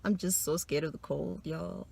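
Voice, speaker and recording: A woman's voice: lowish voice, measured pace, gravelly, a little mellow, slightly rough. A woman, chatting casually and teasing herself as she works through a quiz for her own video, laughing often between answers. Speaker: vlogger quizzing herself.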